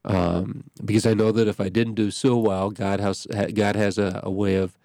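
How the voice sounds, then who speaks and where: A man's voice: fairly low pitch, flat delivery, moderate pace, creaky, dark tone, no echo, clean studio sound. A congested man, a pastor hosting a radio show, talking in a rambling way that keeps breaking off and restarting. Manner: rambling, self-interrupting. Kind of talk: casual radio chat. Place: radio studio.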